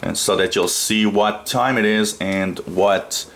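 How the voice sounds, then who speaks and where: Sitting at his radio desk in a small room, a shortwave hobbyist from Canada walks through a product in an off-the-cuff tutorial, hesitating and rambling as he goes. His lowish voice is slow and a bit bright, with slight background noise behind it.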